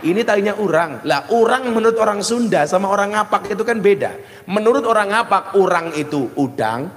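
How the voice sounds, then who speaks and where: A man's voice: high-pitched, lively intonation, a little fast, a bit bright, slight background noise. A middle-aged man with a Javanese accent preaching a humorous sermon, joking and switching between his own talk and mock voices. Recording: long hall reverb.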